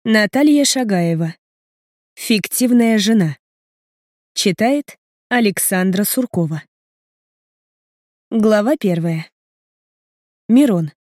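A woman narrating an audiobook in an even, measured way. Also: mid-range voice, dry recording, clean studio sound. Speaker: audiobook reader.

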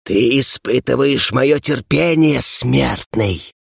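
A man voicing an arrogant, hissing female darkness in an audiobook, speaking in a slow, drawn-out, imperious way. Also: medium pitch, lively intonation, vocal fry, breathy edge, dry recording, studio quality, exaggerated voice. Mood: menacing. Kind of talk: audiobook character reading.

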